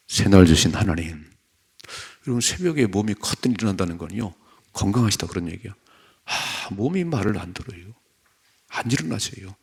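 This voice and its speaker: A man's voice: fairly low pitch, creaky, husky. A middle-aged man, a pastor, giving a conversational dawn sermon that rises to emphatic points. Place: church sanctuary.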